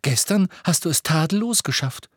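A man's voice: a little high, expressive, normal speed, husky, no room sound, studio quality, voice pushed up. A man voicing a bossy clever teenage girl. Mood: worried. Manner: urgent, snapping.

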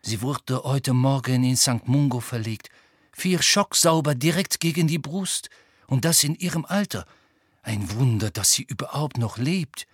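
A male audiobook narrator voicing a brisk middle-aged female school nurse, sharp and scolding. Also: medium pitch, expressive, husky, dry recording, studio quality. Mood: sorrowful. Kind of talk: audiobook character voice.

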